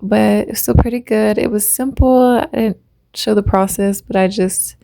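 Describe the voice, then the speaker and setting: Gravelly-voiced woman narrating her baking. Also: medium pitch, fairly even intonation, moderate pace, dark tone, dry recording. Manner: chatty, self-deprecating, light laughs. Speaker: vlogger.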